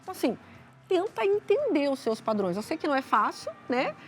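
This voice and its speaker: A woman with a Brazilian accent, a psychologist guest explaining calmly on a talk show, often adding tag questions. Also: high voice, a little fast. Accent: Brazilian Portuguese.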